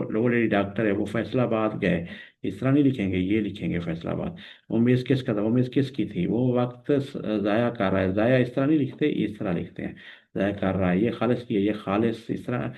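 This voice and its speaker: A man gives a classroom-style grammar lesson in a fairly low voice. He works patiently through corrections, saying the wrong form and then the right one. The sound is thin and tinny, like a phone line. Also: moderate pace. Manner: explains patiently, repeating wrong and right versions. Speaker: teacher.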